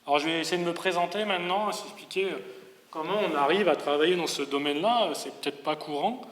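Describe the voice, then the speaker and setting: This engineering professor, a Paris-region man in his forties with a metropolitan French accent, has a fairly high, somewhat bright voice and a brisk delivery. Lecturing publicly in a big reverberant venue, he explains, rephrases, and hesitates a little, and the hall's long echo fills the recording.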